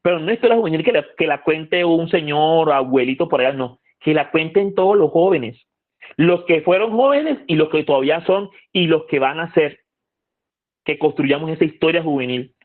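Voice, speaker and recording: A man's voice: fairly high pitch, lively intonation, moderate pace. A man giving a conversational lecture to a youth group, asking the audience questions and repeating phrases for emphasis. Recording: tinny phone-like audio.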